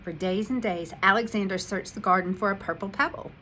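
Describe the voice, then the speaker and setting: Female school coach reading a storybook to kids; lively, expressive read-aloud. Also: medium pitch, a little fast, a little hiss or hum, low-quality recording. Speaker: instructional coach. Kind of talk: reading a picture book aloud to children.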